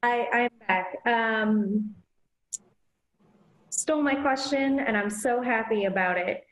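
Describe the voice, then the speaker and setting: A woman with a fairly high voice moderates from afar, her sound hollow and echoing as if from inside a tunnel. She takes her time with each phrase and keeps a light, self-deprecating tone. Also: slow pace, fairly bright tone. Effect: sounds like she's in an echoing tunnel. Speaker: event moderator. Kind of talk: casual chat over a remote connection.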